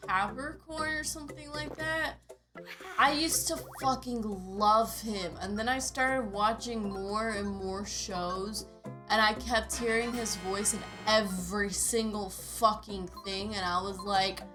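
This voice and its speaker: A young woman talks with animated, casual energy and the odd curse, at an ordinary pitch. Game music plays clearly behind her. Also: slow pace. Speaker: streamer. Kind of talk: casual gaming stream chat.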